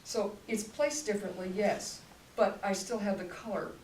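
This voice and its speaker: In this voice masterclass talk, an older female voice teacher explains technique with a demonstrative, coaching manner, delivering her words in bursts. Her voice is medium-pitched and a little mellow, with fairly even intonation and a moderate pace. The recording is roomy and distant, with a faint hum, as though she's across the room.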